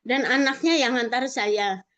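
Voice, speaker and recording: A middle-aged woman pours out a personal testimony in a rambling, fervent way, acting out the conversations she remembers. Her voice sits fairly high. She is speaking over a video call. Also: a little slow, a bit bright, highs cut off. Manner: fervent, rambling, acts out quoted dialogue. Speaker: participant sharing a testimony.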